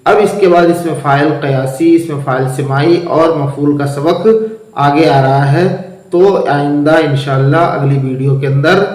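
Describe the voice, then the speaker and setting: A man's voice: a little high, a little slow, a little mellow, roomy sound, rough recording. A man teaches a lesson patiently, reading from a textbook and explaining it line by line, asking questions and then answering them himself.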